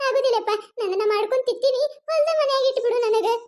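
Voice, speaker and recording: A woman voicing a sly, whining elderly mother-in-law in a cartoon comedy, with a North Karnataka Kannada accent and a squeaky cartoon voice. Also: quick pace, darkish tone. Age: older.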